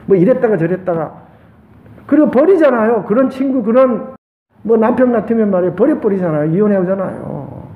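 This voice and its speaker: A pastor with a Gyeongsang accent preaches with passion, his very high voice climbing to loud peaks and dropping to hushes. He is recorded in an echoey room. The sound is thin and phone-like. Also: animated, a little fast. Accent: Gyeongsang Korean. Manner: impassioned preaching, swings between loud highs and hushed lows. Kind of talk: sermon.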